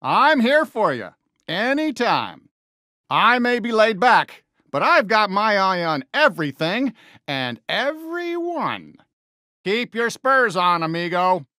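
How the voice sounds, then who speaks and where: Friendly toy cowboy sheriff for a game: American, folksy drawl, unhurried, swooping lively pitch, good-natured. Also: male voice, no echo, clean studio sound, exaggerated voice. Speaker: video game character greeting players. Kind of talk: animated game voice lines.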